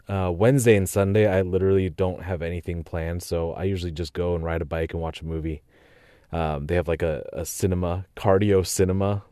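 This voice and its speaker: Man, lowish voice, tired, rambling casual monologue, fillers and restarts, dry close sound. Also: mellow, clear, resonant tone, dry recording. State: tired, with hiccups. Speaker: vlogger.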